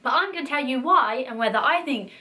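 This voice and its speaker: A young woman presenting a video game review, her voice husky as she recovers from flu. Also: high voice, animated, fairly quick, sharp tone. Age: young adult.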